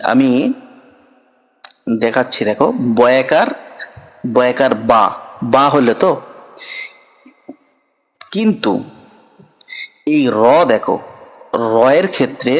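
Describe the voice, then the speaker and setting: A man teaching a children's Quran reading lesson, drilling letters slowly and patiently and asking the pupils questions. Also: mid-range voice, long reverb tail.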